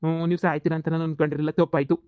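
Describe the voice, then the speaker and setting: Guy playing a poor cartoon village buddy, humble, fast talker, dry close sound. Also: fairly high pitch, little pitch movement, smooth, dry recording, phone-quality sound, lightly acted. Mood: apologetic. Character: poor village friend of the rich man, apologetic and loyal.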